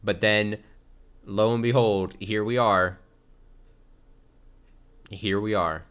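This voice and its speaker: A man streams live reactions to game cutscenes, reading the subtitles aloud, sounding exasperated and swearing while often repeating his phrases. His voice is on the low side, steady and slow, with a fairly bright tone.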